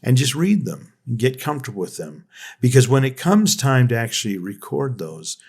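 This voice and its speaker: A man's voice: medium pitch, big pitch swings, moderate pace, darkish tone, husky. Guy hosting a podcast, kinda rambly and reflective, keeps restarting his sentences. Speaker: podcast host. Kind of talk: casual conversation.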